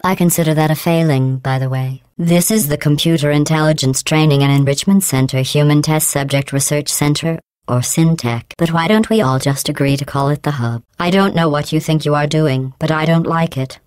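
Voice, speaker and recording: A woman voicing GLaDOS, a cold deadpan AI. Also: sits low, brisk, few pauses, no echo, lightly acted. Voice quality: smooth, synthetic-sounding, clipped. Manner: deadpan, passive-aggressive, coolly menacing. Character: cold sarcastic female AI facility computer. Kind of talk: video game voice clips.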